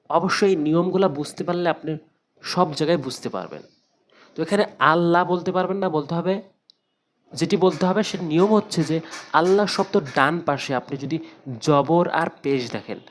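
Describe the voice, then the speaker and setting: A man, teaching Quran recitation in a spoken tutorial. He spells out Arabic syllables one letter at a time, then repeats the whole words. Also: fairly high pitch.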